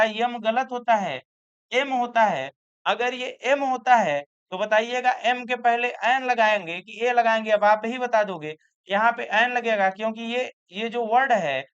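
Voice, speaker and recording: A man teaching an exam grammar lesson, explaining slowly and repeating key words, then asking the class questions back. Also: extremely high pitch, a bit bright, clean tone. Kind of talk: board exam grammar lecture. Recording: slightly dull lo-fi recording.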